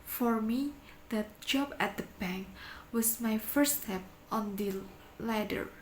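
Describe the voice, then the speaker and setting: Woman acting slow, menacing stage blackmailer in echoey room. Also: on the high side. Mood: earnest, self-justifying. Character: cold, insistent male bank clerk turned blackmailing moneylender. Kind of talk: amateur dramatic reading of a stage play. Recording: echoey room with faint background noise.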